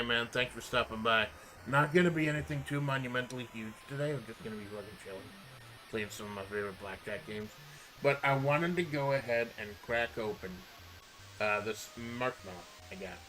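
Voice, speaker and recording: A laid-back man talks to his stream audience in loose, swear-heavy chat, his voice bright and forceful. He tends to mumble now and then. Faint music plays behind him. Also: medium pitch, poor audio. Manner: mumbles at times. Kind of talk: casual live-stream chat.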